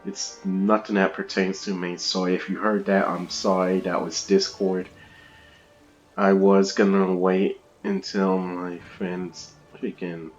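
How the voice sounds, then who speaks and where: Man, low voice, unhurried, rambling gamer commentary, lo-fi headset mic. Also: flat delivery, faint music behind. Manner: rambling, chatty, laughs often. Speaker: gamer, video host. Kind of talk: casual let's-play commentary. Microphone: gaming headset.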